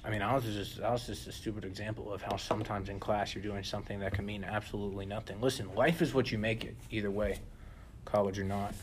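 A young man co-hosting a podcast in casual chat, animated and often turning to listeners with "listen". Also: fairly low pitch, quick pace, background noise. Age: young adult. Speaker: podcast co-host.

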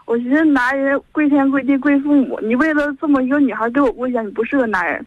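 This young caller, in her twenties and speaking with a Northeastern Mandarin accent, rambles through her story on a call-in show, chaining events together with "and then." Her voice sits high and moves fast, heard through a dull, lo-fi phone connection.

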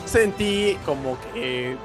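A young man with a Mexican accent, a streamer casually telling a story in slangy, animated speech, dropping "güey" all the time. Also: fairly high pitch, slow pace, music in the background. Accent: Mexican Spanish.

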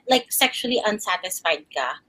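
A woman's voice: fairly low pitch, big pitch swings, normal speed, pushed and bright, rough recording. A woman co-hosting a podcast, asking teasing questions in a playful, laughing manner. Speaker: podcast co-host. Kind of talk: casual teasing chat.

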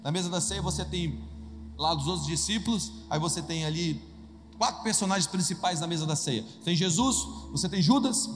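A Brazilian preacher tells the story with jokes and acted voices, his voice pitched notably high for a man. His sermon carries through a church with a long reverb. Soft music plays underneath. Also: normal speed. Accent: Brazilian Portuguese. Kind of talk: humorous sermon. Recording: echoey hall with soft music.

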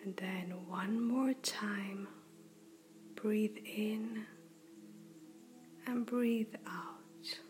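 A woman guides a breathing meditation in a soft whisper. She talks very slowly and gently, at a middling pitch. Faint music plays behind her. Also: fairly even intonation. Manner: slow, gentle and soothing.

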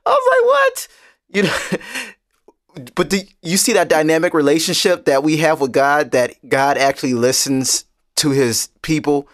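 A man leading a casual Bible study discussion, earnest and quick to laugh. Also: a little high, no room sound, clean studio sound.

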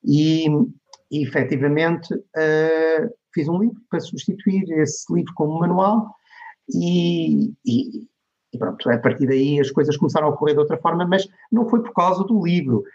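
A man's voice: on the high side, moderate pace, a little mellow. A middle-aged man from Portugal with a European Portuguese accent, a lecturer telling stories in an interview and voicing the people he quotes. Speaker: guest, digital marketing lecturer. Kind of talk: conversational interview storytelling. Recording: dull lo-fi recording.

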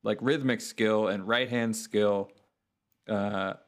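Guy hosting a chill podcast, lowish voice, thoughtful, repeats words when he starts over. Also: steady tone, slow. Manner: thoughtful, appreciative, stammers on restarts. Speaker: podcast host. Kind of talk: casual podcast chat.

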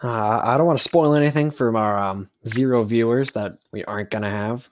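A man's voice: mid-range voice, brisk, a little hiss or hum. A young man chatting casually with his friends in joking gamer-bro banter full of slang. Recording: dull lo-fi mic sound.

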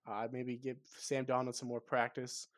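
A man's voice: mid-range voice, monotone, moderate pace, no echo. A man co-hosting a casual sports podcast, talking football with lots of ums and restarts. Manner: hesitant, many ums and restarts. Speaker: podcast co-host.

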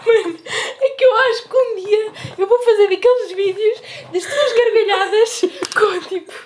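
A young woman with a European Portuguese accent, co-hosting a casual chat and teasing her friend with quick interjections. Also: very high voice, noisy background. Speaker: podcast co-host.

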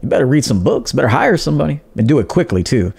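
A man's voice: mid-range voice, very animated, fast, vocal fry, darkish tone, husky. A man hosting a livestream as a dating coach, talking in a blunt, profane, scolding way. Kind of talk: livestream monologue.

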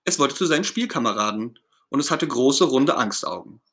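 A man reading a children's story aloud as narrator, in an expressive, gentle storytelling manner. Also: medium pitch, moderate pace.

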